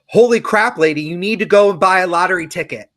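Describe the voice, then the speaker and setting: A man telling a joke and putting on the loud, booming voice of God calling down from the sky. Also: quick pace, no echo, studio quality. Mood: exasperated. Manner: shouted punchline of a told joke. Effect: booming voice from the heavens.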